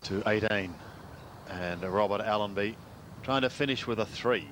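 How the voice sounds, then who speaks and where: A man's voice: on the low side, normal speed, background noise. A man giving live golf commentary on players, putts and standings.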